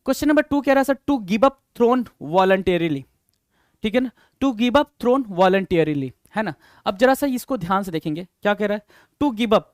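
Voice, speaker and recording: Male vocab teacher, high voice, repeats words to drill them in. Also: dry recording, studio quality. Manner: repetitive, coaxing, addresses learners as sir and brother. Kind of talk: vocabulary lesson.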